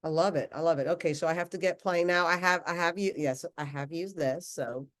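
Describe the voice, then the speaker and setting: A congested woman hosts a webinar over a video call. She is chatty and effusive, and her voice sits a little low. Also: a little fast. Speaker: webinar host. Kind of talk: casual webinar chat.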